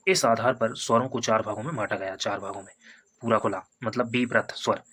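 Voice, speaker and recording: A man teaching a Hindi grammar lesson for exam preparation. He repeats each point, sounds out vowels slowly as examples, and keeps checking in with "है ना" and "ठीक है". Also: on the low side, steady tone, a bit bright, slight background noise. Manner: repetitive, explains step by step with tags like "है ना" and "ठीक है".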